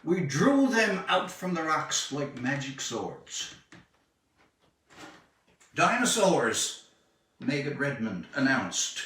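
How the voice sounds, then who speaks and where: Heard from a distant mic in an echoing room, a man reads a short story he wrote himself. He takes his time, pausing deliberately and leaning on phrases for expressive effect, while his bright, fairly high voice swings dramatically up and down.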